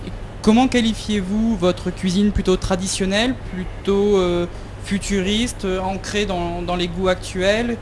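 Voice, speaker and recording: A man's voice: sits high, steady tone, unhurried, a little hiss or hum. A man asking interview questions, hesitating with fillers.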